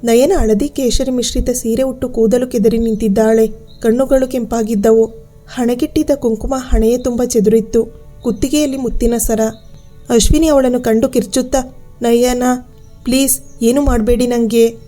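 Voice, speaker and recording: A woman storyteller giving a steady, measured scripted narration of a ghost story. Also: on the high side, soft background music.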